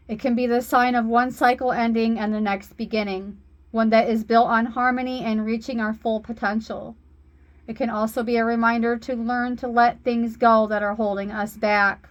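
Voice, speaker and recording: With a fairly high-pitched voice, a woman who works as a healer and spiritual reader delivers an oracle card reading in a slow, earnest, comforting manner.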